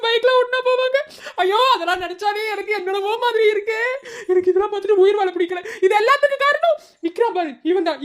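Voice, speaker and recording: A lovesick young college guy in a cartoon, put on by a woman, his voice pitched very high. He wails and pities himself without end, all drama. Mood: self-pitying. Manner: wailing, self-pitying, over the top. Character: lovesick melodramatic young male college student. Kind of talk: cartoon voice acting.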